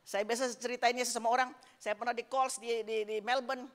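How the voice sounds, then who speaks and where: A middle-aged woman preaching a sermon with personal stories, telling them in a lively way and often calling out to the congregation. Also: on the high side, fairly quick. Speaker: evangelist preacher. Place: church sanctuary. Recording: long reverb of a church hall.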